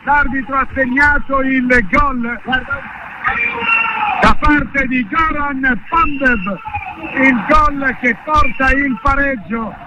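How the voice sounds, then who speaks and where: Shouting, breathless goal commentary from a man. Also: extremely high pitch, slow, lo-fi sound, heavy background noise. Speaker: football play-by-play commentator. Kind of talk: live Italian football commentary.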